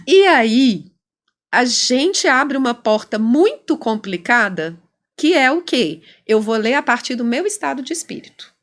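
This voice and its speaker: A woman clinical psychologist with a Brazilian accent, explaining ideas in an animated conversational interview. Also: on the high side, unhurried. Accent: Brazilian Portuguese. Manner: animated, explanatory, acts out quoted dialogue.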